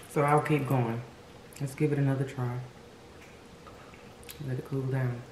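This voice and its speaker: Seated at a table in a room at home, a woman hosts a mukbang, chatting casually to viewers between bites and humming savouring "mm" sounds as she tastes. Her very deep voice is slow and fairly even, and the recording has a roomy echo with background noise.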